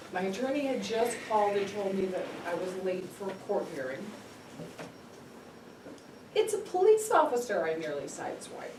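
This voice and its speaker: A woman with a Californian accent giving a humorous personal speech at a club meeting, an animated storyteller who laughs often and acts out what people said. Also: medium pitch. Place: meeting room. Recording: echoey room from far off, noisy.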